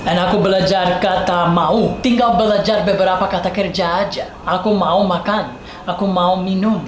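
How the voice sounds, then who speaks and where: Casting: American woman, native English, foreigner speaking Indonesian; slightly low voice, casual emphatic tutor, echoey room. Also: steady tone, normal speed. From United States. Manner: emphatic, repeats example phrases. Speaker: English teacher. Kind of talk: casual tutorial for online video. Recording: roomy echo, faint background noise.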